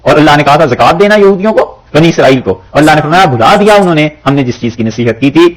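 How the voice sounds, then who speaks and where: A man's voice: on the high side, animated, quick pace, rough recording. A man teaching a Quran commentary, reciting verses and explaining them in plain talk, with stories and quoted lines along the way.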